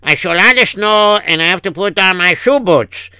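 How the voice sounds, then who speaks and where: A man's voice: sits high, lively intonation, moderate pace, bright, forceful tone, clean tone, dry recording, heavily acted. A man playing a fretful Yiddish-accented husband. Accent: Yiddish-inflected English. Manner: kvetching, sighing oy vey. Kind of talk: improvised comic radio story.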